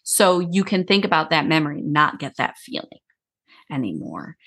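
Low-voiced woman grief counselor. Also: big pitch swings, normal speed, fairly bright tone. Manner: chatty, explains in long run-on sentences. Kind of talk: casual interview talk.

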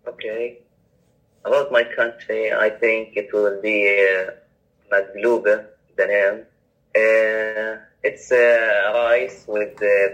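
A man who is a non-native English speaker, answering haltingly as a podcast guest and searching for words. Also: fairly low pitch, fairly bright tone. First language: not English. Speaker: international student, podcast guest. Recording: dull, muffled lo-fi connection.

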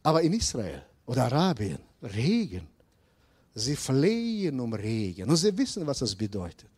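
A middle-aged man preaching a sermon as pastor, slow and emphatic, swinging between loud appeals and hushed asides. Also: mid-range voice, wildly swooping pitch, breathy edge, dry recording.

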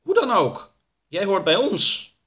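A man's voice: sits high, wildly swooping pitch, takes it slowly, fairly bright tone, pitched above the performer's own voice, full character voice. A man voicing an earnest strange creature. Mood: resolute. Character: strange gentle male creature, earnest and caring. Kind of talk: storybook reading.

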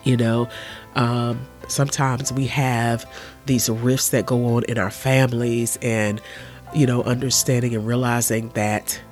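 A man with a cold talks through his podcast, his voice nasal and stuffed-up. His pitch sits in an ordinary middle range, and he offers earnest, gentle advice in an easygoing monologue. Soft music plays faintly underneath. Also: little pitch movement, a little slow. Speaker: podcast host. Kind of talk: casual solo podcast monologue.

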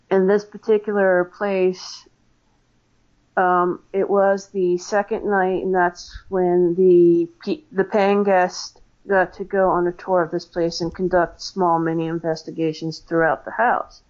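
A woman's voice: on the low side, dull audio. An American woman, a paranormal investigator, telling stories in a casual interview with lots of fillers and restarts. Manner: chatty, many fillers and restarts.

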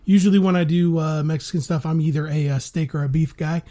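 Easygoing man with a mellow voice. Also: a little high. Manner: relaxed, drawn-out food praise, says "man" a lot. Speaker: podcast co-host. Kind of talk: casual chat.

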